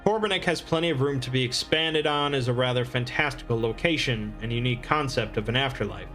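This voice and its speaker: A man reading scripted explainer narration in a measured, expository manner. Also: mid-range voice, a bit bright, soft background music.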